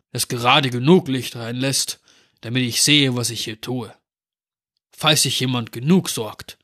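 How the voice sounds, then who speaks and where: A man's voice: mid-range voice, sharp tone. A man voicing a despairing elderly school janitor and great-uncle in dramatic storytelling, with a grave, sorrowful delivery. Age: older.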